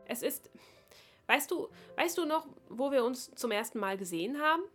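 A woman's voice: high-pitched, animated, moderate pace, fairly bright tone, soft background music, pitched above the performer's own voice. Woman as shy young mole boy, stammering storybook voice. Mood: flustered. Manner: stammering, hesitant. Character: shy, stammering little male mole schoolboy.

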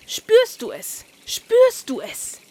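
A woman voicing an excitable, bossy male carp who coaxes in a high, gushing, theatrical way. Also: slow, heavily acted. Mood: exuberant.

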